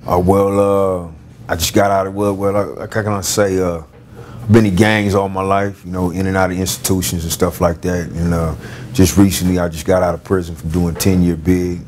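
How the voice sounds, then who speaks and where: A former gang member telling his story casually with a Los Angeles street-slang accent, halting and full of fillers and restarts. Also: sits low, level tone, a little mellow, a little hiss or hum.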